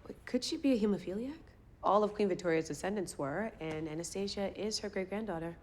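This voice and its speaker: An actress playing a practical, dry-humored detective's partner in a period TV drama. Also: female voice, mid-range voice, brisk, a little mellow, slight background noise, natural voice.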